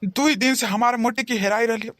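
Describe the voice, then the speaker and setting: This cartoon voice performance has a woman playing an aging husband who begs and coaxes his wife, stammering excuses in a Bhojpuri accent. Her slightly high, fairly bright voice is brisk, with fairly even intonation, close to how she'd normally talk.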